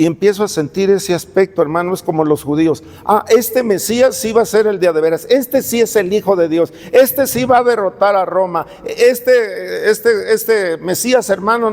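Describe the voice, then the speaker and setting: A man preaching a sermon in a conversational way, often asking questions and addressing his listeners as "brother". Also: sits high. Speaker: pastor. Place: church hall. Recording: long reverb of a church hall.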